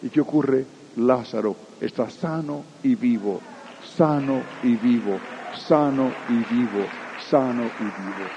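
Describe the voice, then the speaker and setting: A man preaching a fervent sermon, repeating phrases for emphasis and swinging between soft and loud. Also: medium pitch, a little slow. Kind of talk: evangelical sermon. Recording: echoey hall, dull lo-fi sound.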